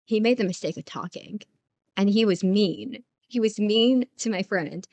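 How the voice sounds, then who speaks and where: A young adult woman chats casually on a live art stream, her voice sitting at an ordinary middle pitch. She rambles from one point to the next, animated, often stammering and restarting her sentences. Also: measured pace. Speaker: livestreamer. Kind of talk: casual storytelling chat while drawing.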